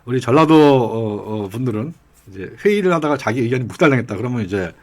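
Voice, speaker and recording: A man's voice: medium pitch, animated, quick pace. Rambling middle-aged male political commentator. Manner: rambling anecdotal storytelling with chuckles; acts out regional dialect quotes. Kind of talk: casual political talk.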